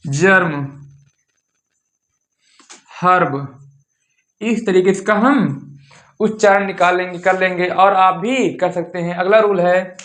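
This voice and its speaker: A man's voice: high voice, steady tone, slow, long pauses, fairly bright tone. A young man teaching English pronunciation rules in a classroom-style lesson, asking questions and answering them himself over and over.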